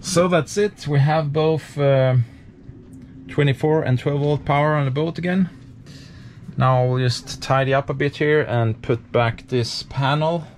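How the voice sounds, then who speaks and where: A man in his thirties from Sweden, casually explaining boat work in a relaxed vlog, with frequent fillers, recorded by a camera close above him in a cramped boat compartment. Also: a little high, measured pace, a little hiss or hum. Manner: relaxed, thinking aloud with many fillers. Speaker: sailing vlogger.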